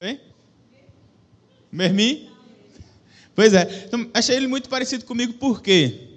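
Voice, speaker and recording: A young man with a Brazilian accent giving a relaxed, joking sermon in a church hall, speaking into a microphone and asking the audience questions. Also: extremely high pitch, measured pace. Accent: Brazilian Portuguese. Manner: chatty, joking, self-deprecating, addresses the audience with questions. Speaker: preacher. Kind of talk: casual conversational sermon. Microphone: microphone with a stage monitor.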